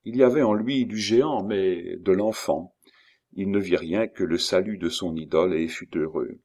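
Deep-voiced male audiobook narrator. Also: moderate pace, mellow. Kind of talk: audiobook reading of a classic novel.

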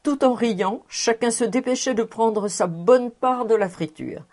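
A woman narrating a classic novel aloud in a measured, expressive reading. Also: on the high side. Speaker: audiobook narrator.

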